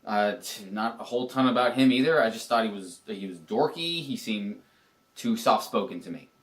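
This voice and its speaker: A man co-hosting a casual review chat, animated and opinionated. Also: fairly low pitch, normal speed. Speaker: co-host reviewing a reality show.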